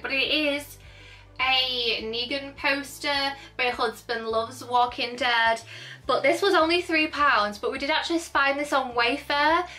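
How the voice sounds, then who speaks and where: A young woman chatting excitedly to camera in a thrift haul vlog, gushing and rambling, with faint music behind her. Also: high voice. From United Kingdom.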